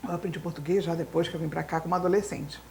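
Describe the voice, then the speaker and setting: A retired professor in her fifties from Brazil, a native Spanish speaker, reminisces at length about her childhood and life as an interview guest, peppering her story with fillers like "né," "então," and "assim." Her voice is lowish, steady, and mellow, with vocal fry and a rapid-fire delivery. A little hiss or hum is audible.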